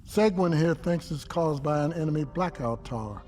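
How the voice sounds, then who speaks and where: In video game cutscene acting, a man plays a wordy, fatherly resistance leader who uses florid, folksy, old-fashioned phrasing in an encouraging, earnest mood. His natural voice is a little high and darkish, at normal speed, over soft background music.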